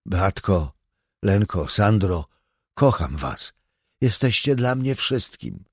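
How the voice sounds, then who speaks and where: A man voicing a desperate but resolute father who speaks quietly and gravely in an audiobook. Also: on the low side, big pitch swings, slow, dry recording, studio quality, heavily acted. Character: desperate father facing death, resolute and loving.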